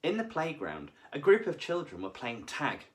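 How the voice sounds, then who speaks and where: A man reading a picture book aloud to children, animated and engaging, asking the listener questions. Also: a little high, moderate pace. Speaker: children's storyteller.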